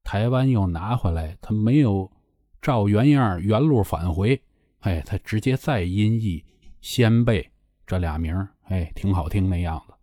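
Man, middle-aged, low mellow voice, dry close sound, wry chatty host. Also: expressive, a little slow, no room sound. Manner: chatty, wry storyteller addressing listeners politely. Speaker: podcast host. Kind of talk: casual solo chat.

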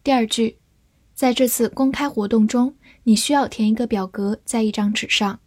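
A woman teaching English vocabulary in a scripted lesson, reading each word twice and then its meanings in an even voice. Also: a little high, normal speed, dry recording.

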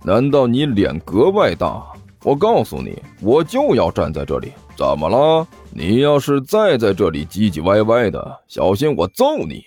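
A man voicing a cocky young male brawler who talks in a smug, mocking, low and cool tone. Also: huge pitch swings, normal speed, hardly any pauses, a little mellow, breathy edge, faint music behind, exaggerated voice. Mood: sneering.

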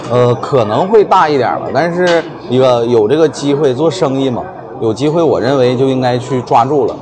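A man's voice: mid-range voice, a little fast. Male interviewee, small business owner, hesitant and conversational, with busy crowd noise around. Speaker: milk tea shop owner being interviewed. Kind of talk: casual interview answers. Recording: busy crowd chatter behind.

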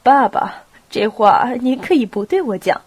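Quiet, measured young nobleman, read by a woman with a cold and a breathy higher voice. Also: lively intonation. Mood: restrained. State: has a cold. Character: restrained young male prince, calm son.

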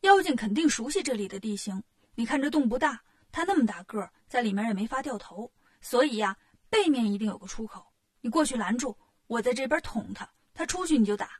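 A bold, clever male monkey king from a children's storybook, voiced by a woman. He talks briskly and gives orders with confidence. The voice is high and a touch husky. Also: expressive, no echo, clean studio sound. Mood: commanding. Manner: brisk, commanding.

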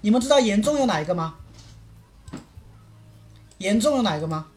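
Brief: woman language teacher on a livestream, quick and animated, keyboard typing nearby. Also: mid-range voice. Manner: lively, asks many rhetorical checks.

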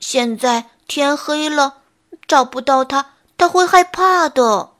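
Woman doing a clumsy young bear, fretful, slow halting words, storybook. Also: sits high, a bit bright. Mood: anxious.

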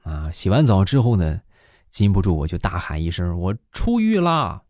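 A man telling stand-up jokes in a deadpan, folksy way. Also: sits low, normal speed, no echo, clean studio sound. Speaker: comedian.

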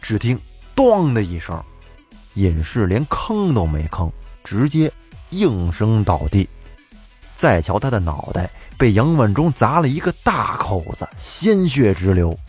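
A man telling a folk tale in a lively, colloquial, dramatic way. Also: fairly low pitch, a little slow, slightly rough, soft background music. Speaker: storyteller.

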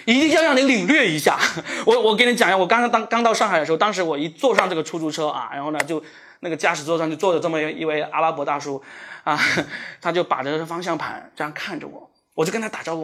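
A man from Shenzhen with a Cantonese accent, doing live stand-up comedy with self-mocking, animated storytelling. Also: fairly high pitch. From Shenzhen, Guangdong.

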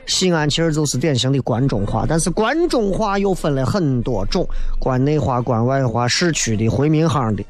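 Shaanxi-accented man, animated comic monologue. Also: medium pitch, moderate pace, few pauses. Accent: Shaanxi (Xi'an). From Xi'an, Shaanxi, China. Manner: colloquial, mimics dialects for comic effect. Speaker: comedy show host. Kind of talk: humorous observational monologue on local dialect and city life.

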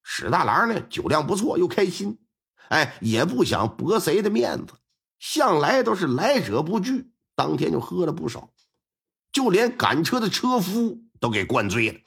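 A male storyteller performs a traditional crime tale with lively, swooping intonation. His voice sits a little high and has a gravelly, husky texture, and he delivers the story in a colloquial, chatty way. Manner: lively, colloquial, with drawn-out sentence-final particles.

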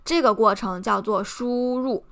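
Unhurried and a little high, the voice of this young woman from China has a slightly bright tone. As a podcast host chatting casually, she gives heartfelt, encouraging advice and explains it step by step.

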